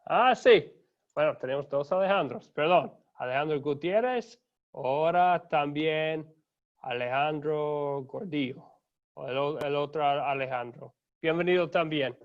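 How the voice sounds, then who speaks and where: Unhurried pastor on a lo-fi call. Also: male voice, a little high. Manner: calm, courteous, welcoming each student by name. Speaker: pastor hosting an online class. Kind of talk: unhurried roll call of students. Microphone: video call. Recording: dull lo-fi video call audio.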